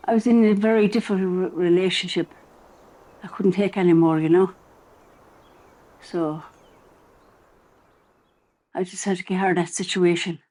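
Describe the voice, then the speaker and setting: A man's voice: sits high, steady tone, normal speed, pauses often, darkish tone, rough recording. A middle-aged man with a west of Ireland accent, giving a candid personal account in a hesitant, conversational way. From Ballinasloe, west of Ireland. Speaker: documentary interviewee.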